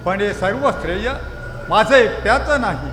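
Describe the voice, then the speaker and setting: An actor playing a gallant young warrior hero who speaks in a courtly, affectionate way in a musical stage drama. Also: male voice, high voice, expressive, normal speed. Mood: tender. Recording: echoey hall, music and tabla behind.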